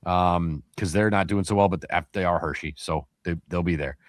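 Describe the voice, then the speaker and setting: Male podcast co-host, deep voice, dry close-miked sound, rambling casual delivery. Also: moderate pace, no room sound. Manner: rambling, many fillers and restarts. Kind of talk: casual sports chat.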